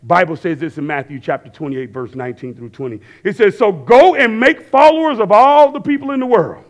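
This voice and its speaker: Standing on a church stage backed by screens and a worship band, a pastor in his thirties preaches in a brisk, high voice with lively intonation. He chats with the congregation, has them fill in words, and periodically builds to shouting.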